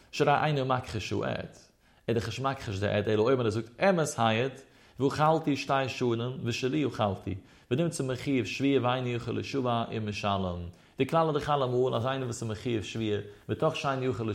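A man giving a Talmud lesson, reading the text in a rising and falling sing-song chant and explaining it in between. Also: medium pitch. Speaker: religious teacher. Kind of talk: Talmud lecture.

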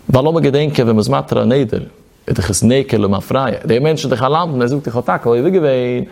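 A man's voice: medium pitch, brisk, gravelly, darkish tone. A man giving a Talmudic study lecture as a religious teacher, in a sing-song study cadence that swoops up and down.

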